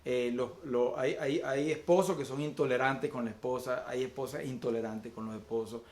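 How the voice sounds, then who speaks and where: Preaching an online Sunday sermon, a pastor speaks at medium pitch with a darkish tone and fairly even intonation, recorded with roomy sound. He frequently repeats words and leans on fillers as he gropes for what to say, and slows to name virtues one at a time.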